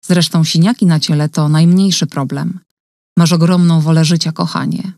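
A woman voicing a gentle, caring woman who speaks softly and calmly in an audiobook reading. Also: low-pitched, moderate pace, creaky, dry recording, studio quality. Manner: soft, calm, reassuring.

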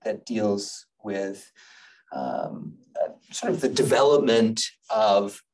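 A middle-aged man gives an academic lecture over slides on a video call, thoughtful and measured, often pausing on filler sounds. His voice sits fairly low and he is a little distant from the webcam mic, so the sound is slightly far off. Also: sing-song, darkish tone. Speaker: lecturer on Buddhist poetry.

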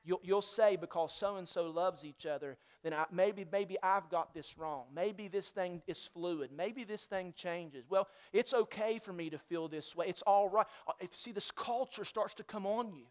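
A male pastor preaching a sermon in a church, swinging from loud, fervent exhortation down to quiet, near-whispered intensity, with repeated calls to the congregation. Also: high-pitched, moderate pace, few pauses. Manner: repetitive call-and-response exhortation. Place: church sanctuary.

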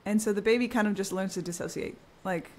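A woman of ordinary pitch hosts a casual podcast chat. She talks in a relaxed, thoughtful way. She hedges her points with frequent filler words. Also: fast talker, slight background noise. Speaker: podcast host. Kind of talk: casual conversation.

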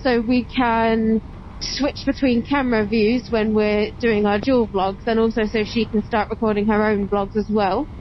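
This motovlog host talks in a slightly high voice with a level tone and measured pace, keeping things chatty and explanatory as she rides on open roads. The helmet intercom mic gives a dull sound, and engine and road noise sit behind her.

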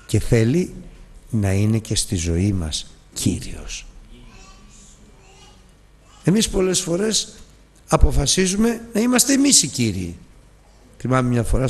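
Husky-voiced man preaching in a hall. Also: mid-range voice, darkish tone. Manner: emotional storytelling, acts out dialogue. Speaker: Bible teacher. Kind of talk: sermon.

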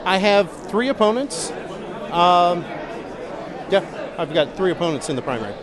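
Interviewed on the spot in a big indoor convention hall, a political candidate from Missouri, a man in his forties, speaks earnestly but haltingly, stumbling over repeated words. His voice is fairly high and expressive, and crowd chatter fills the background.

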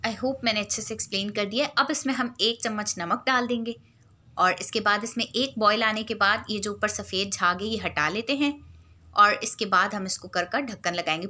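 Patient cooking vlogger, woman, bright tone, clear step-by-step explainer. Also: mid-range voice, a little fast.

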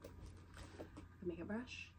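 Sitting on her bedroom bed, a young adult vlogger with a stuffy head cold rambles casually through a show-and-tell chat, drawing out her words and using lots of "like." The camera is set low in front of her, and the home recording is noisy.

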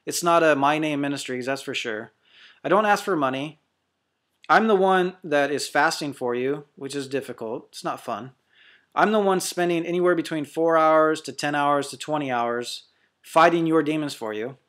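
A man's voice: on the high side, a bit bright. Fervent, blunt male deliverance minister. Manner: fervent, blunt, emphatic, pace swings fast to slow. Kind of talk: impassioned preaching monologue.

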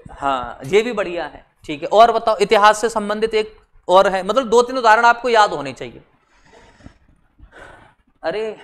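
A man teaching an online exam-prep class, talking casually, explaining with everyday examples and slowing down to stress key definitions. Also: very high-pitched, a bit bright, smooth.

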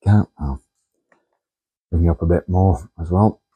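A man's voice: deep voice, a little slow, breathy edge, narrow, tinny audio. A man hosting a model engineering workshop show, chatting viewers through each step as he works at his machines. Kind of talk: casual workshop demonstration. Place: home workshop, indoors. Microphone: camera on a tripod.

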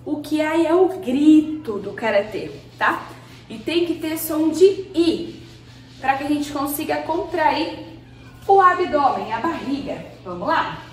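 A woman's voice: sits high, animated, slow pace, recorded from a distance, slight background noise. A woman with a Brazilian Portuguese accent teaching an online karate class, counting commands and encouraging her students patiently. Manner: counts commands and calls out short shouts. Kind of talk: online martial arts class instruction. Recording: echoey room, voice from off-mic.

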